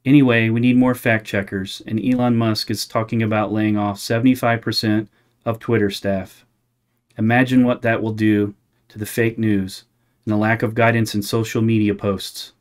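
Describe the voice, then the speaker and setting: Guy doing a parody news anchor thing, lowish voice, reads silly scripted news like it's real. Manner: parody news anchor delivery, presenting absurd items as straight news.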